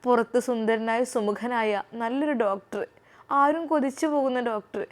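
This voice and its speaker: A woman telling a story in an emotional, expressive way. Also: fairly high pitch, moderate pace. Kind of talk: storytelling narration.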